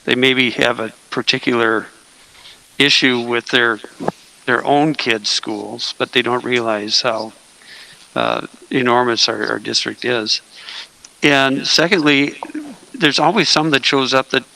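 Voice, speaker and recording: Gravelly man giving practical advice. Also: mid-range voice, fairly even intonation, a little slow, sharp tone, low-quality recording. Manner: matter-of-fact, gives practical advice. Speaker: school board member. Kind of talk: casual meeting discussion.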